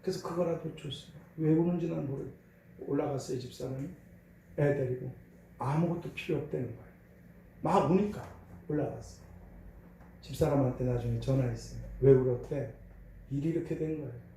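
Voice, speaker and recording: A man's voice: mid-range voice, a little fast, creaky, pauses often, warm tone, a little hiss or hum. An older man, a pastor, preaching a sermon in a conversational storytelling way, heard in a church sanctuary. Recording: echoey hall, voice from far off.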